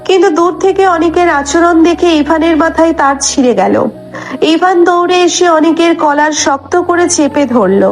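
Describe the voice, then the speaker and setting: High-voiced woman narrating a story. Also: moderate pace. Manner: dramatic, descriptive. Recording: soft background music.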